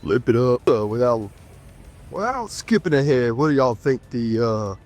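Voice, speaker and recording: A man's voice: medium pitch, expressive, normal speed, a little mellow, faint music behind. A man with a nasal, stuffed-up voice from being sick, chatting casually and folksily to viewers as a trucker vlogger. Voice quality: nasal, congested. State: sick with a cough and congestion. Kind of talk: casual vlog chat to viewers.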